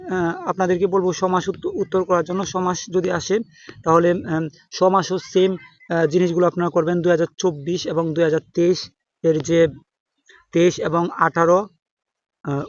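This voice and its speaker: A young man with a Bangladeshi Bengali accent giving an informal exam-prep lesson, halting with many fillers and restarts. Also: high-pitched. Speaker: exam tutor. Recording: dull dry close recording.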